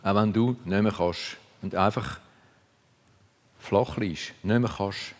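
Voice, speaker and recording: A man's voice: lowish voice, slow pace. A man preaching a sermon, earnest and reflective, speaking in short phrases. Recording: long reverb of a large hall.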